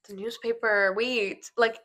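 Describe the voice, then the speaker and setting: A woman's voice: fairly high pitch, fairly even intonation, slow pace, a bit bright. A woman hosting a casual podcast, rambling with lots of fillers as she chats about movies. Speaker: podcast host. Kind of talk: casual chat.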